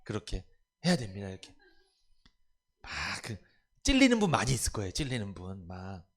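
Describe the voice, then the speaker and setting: A man's voice: on the low side, huge pitch swings, moderate pace, fairly bright tone. A man pastor preaching a sermon in church, asking the congregation rhetorical questions and acting out family members' voices. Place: church sanctuary.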